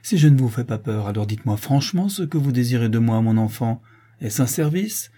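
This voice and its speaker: A man reading aloud, voicing a kindly former convict who speaks gently and reassuringly in a storybook. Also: medium pitch, lively intonation, a little fast, slightly rough.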